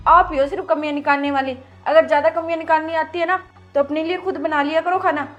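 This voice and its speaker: A woman's voice: sits high, lightly acted. A woman acting as a young daughter-in-law in a home-made family drama, talking back firmly. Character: young daughter-in-law, patient then firm. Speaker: actor in a family skit. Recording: faint background music.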